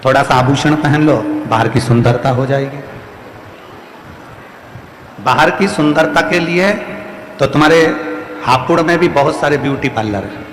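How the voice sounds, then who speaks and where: A man's voice: mid-range voice, normal speed, pauses often, a little hiss or hum. A man preaching a devotional sermon to a large gathering with a Madhya Pradesh Hindi accent, repeating lines emphatically to drive his point home. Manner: repetitive, emphatic, rhetorical preaching. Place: large outdoor religious gathering. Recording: echoey hall, long reverb, faint music.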